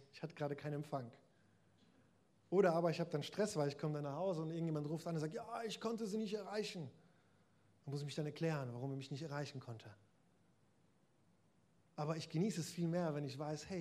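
A man's voice: fairly high pitch, warm tone. A man preaching a sermon in a conversational way, addressing his listeners directly.

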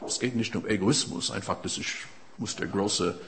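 A man preaching a sermon in non-native German with halting restarts. He swings between loud emphatic peaks and quiet, reflective passages. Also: fairly low pitch, a little hiss or hum.

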